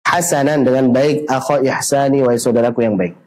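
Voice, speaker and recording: A man teaching Quran recitation rules online, asking questions and answering them himself, with slow drawn-out recited examples. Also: mid-range voice, darkish tone, low-quality recording.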